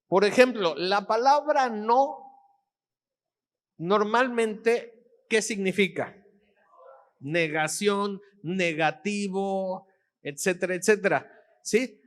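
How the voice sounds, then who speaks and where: A man preaching as a pastor, checking in with his audience after almost every phrase. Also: high voice. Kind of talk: sermon.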